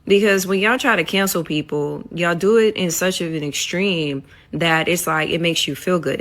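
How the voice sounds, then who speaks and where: A woman giving argumentative social media commentary in a deliberate way, posing rhetorical questions. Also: fairly low pitch. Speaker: business owner.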